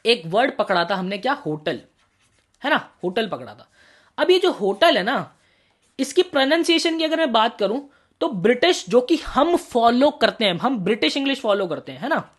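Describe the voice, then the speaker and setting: A man's voice: sits high, a bit bright. A man teaching an exam-prep class online, mixing in English terms and often asking students whether they follow, calling them brother and kids.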